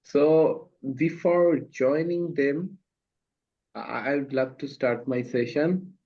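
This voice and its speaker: A Bangladeshi man runs a casual online speaking practice call, his halting English slow and dotted with fillers. The voice leans high yet sounds somewhat dark, and the call recording has a flat, lo-fi quality.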